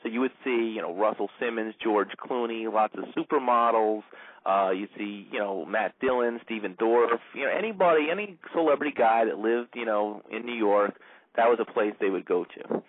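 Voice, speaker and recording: A man's voice: fairly low pitch, moderate pace, husky, no room sound. A male radio host casually telling a long, rambling story, with lots of fillers. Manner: rambling, full of "like" and "you know". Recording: narrow phone-like band, dry.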